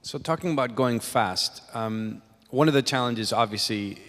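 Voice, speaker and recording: Guy moderating a panel, asking questions, medium pitch, echoey hall. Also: moderate pace, fairly bright tone. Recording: reverberant hall.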